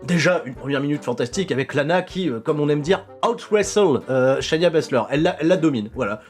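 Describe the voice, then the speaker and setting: A man casually recapping a wrestling show with a jokey, animated delivery, now and then mimicking the wrestlers. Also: on the high side, fairly quick, faint music behind.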